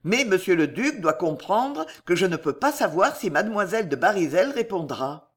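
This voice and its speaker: A woman's voice: lowish voice, sing-song, normal speed, husky. A woman reading an audiobook voices a cautious, deferential male agent speaking to his master. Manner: deferential, careful.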